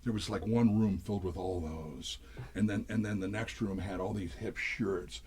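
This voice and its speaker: An older man, a session drummer, telling rambling stories in a relaxed interview, with many fillers and restarts. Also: on the low side, moderate pace. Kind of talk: storytelling interview chat.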